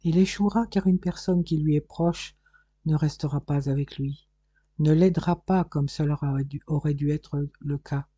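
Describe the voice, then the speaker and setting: A man voicing a gentle otherworldly spirit in an audiobook, speaking calmly and solemnly. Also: a little high, moderate pace, breathy edge, no room sound, highs cut off. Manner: calm, solemn prophesying.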